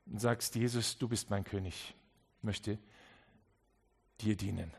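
A man preaching a Christmas sermon, speaking straight to the listener with many restarts and swings between quiet and emphatic passages. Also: lowish voice, fairly even intonation, unhurried, gravelly, slightly rough. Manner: earnest, direct address with many restarts.

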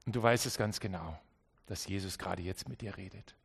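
A man preaching a sermon to a congregation, emphatic, dropping to quiet low asides and repeating key phrases for weight. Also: a little fast, vocal fry, slightly rough. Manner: emphatic, swings between loud stresses and quiet low asides. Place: church service with an audience.

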